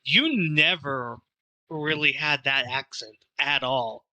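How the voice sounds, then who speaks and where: A man co-hosting a podcast in casual chat, speaking haltingly with many fillers. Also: medium pitch, bright, forceful tone. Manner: halting, filler-heavy, lots of "like".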